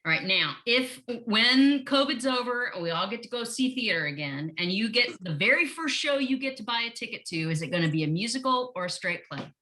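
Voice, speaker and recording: Bright, lively woman podcast host. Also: fairly high pitch, a little fast, hardly any pauses. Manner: bubbly, laughs often. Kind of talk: casual interview chat.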